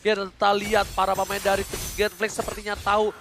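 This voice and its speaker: A man's voice: high-pitched, completely flat delivery, a little fast, a bit bright, soft background music. A man with an Indonesian accent working as an esports caster, giving play-by-play match commentary sprinkled with English exclamations and gaming jargon.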